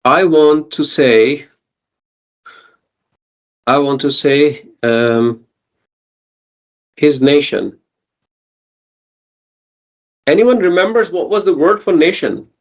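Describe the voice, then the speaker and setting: Guy teaching arabic grammar online, slow and patient, keeps asking the class, kinda high voice, muffled audio. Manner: patient, often asks students questions and checks with "okay?".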